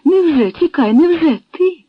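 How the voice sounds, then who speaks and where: Reader doing a frail old servant woman, trembling, breathless whispers, swooping pitch, dry dull lo-fi audiobook sound. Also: expressive, measured pace. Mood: trembling overjoyed. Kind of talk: audiobook reading.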